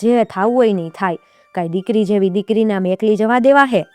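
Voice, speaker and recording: A woman's voice: medium pitch, brisk, a little mellow, dry recording, natural voice. A woman voicing a devoted elderly servant woman, frail but determined, in a folk tale. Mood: stubborn. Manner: pleading, calling out.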